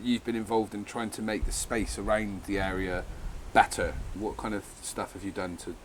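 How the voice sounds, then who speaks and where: A man's voice: on the low side, little pitch movement, moderate pace, slight background noise. A man interviewing people on location in a casual chat, prompting them with friendly questions and short yeahs.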